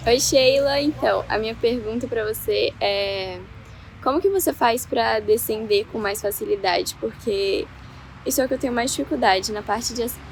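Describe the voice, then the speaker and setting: A woman's voice: on the high side, normal speed, creaky. A woman student asking a question, recorded from a distance with faint traffic behind.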